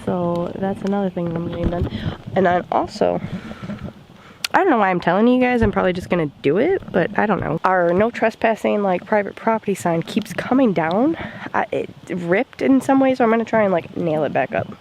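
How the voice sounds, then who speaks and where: A woman's voice: medium pitch, brisk, gravelly, darkish tone, a little hiss or hum. A young woman vlogging outdoors by a cabin in the woods, chatting casually and rambling with lots of fillers. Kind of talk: casual vlog chat.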